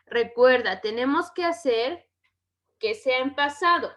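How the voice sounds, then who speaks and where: A woman's voice: sits high, lively intonation, a bit bright. A woman with a Mexican Spanish accent teaching a grammar lesson to schoolchildren, often checking in with "¿ok?". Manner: slow, checks in with "¿ok?".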